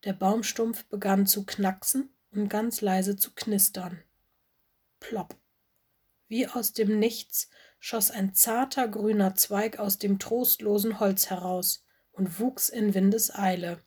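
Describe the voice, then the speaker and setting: A woman narrating a children's audiobook in a calm, gentle storytelling manner. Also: medium pitch, slow pace, breathy edge.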